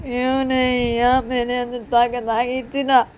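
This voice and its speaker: A woman voicing a tearful, angry young woman who pleads and shouts between sobs in a storytelling role-play. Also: animated, normal speed, slight background noise. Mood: sobbing. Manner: sobbing, shrill and pleading.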